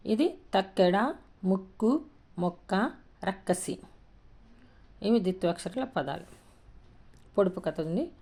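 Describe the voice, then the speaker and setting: A woman teacher leads a lesson in a warm, mellow voice. She reads words out slowly, drawing each syllable out clearly, then explains them in a steady classroom tone. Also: lowish voice. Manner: slow, drawn-out syllable-by-syllable word reading. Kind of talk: Telugu grammar lesson, reading words aloud.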